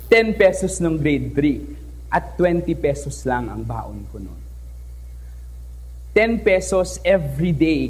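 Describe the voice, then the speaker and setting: A young Filipino teacher with a high-pitched, husky voice recounts a personal story on stage in an event hall. Chatty and playful, he moves between languages and frequently asks the audience questions.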